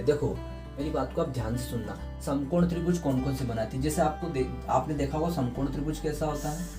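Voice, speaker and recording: A man teaching a math lesson for exam prep. He asks his students questions, answers them himself, and repeats key terms over and over. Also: medium pitch. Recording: echoey room with guitar music behind.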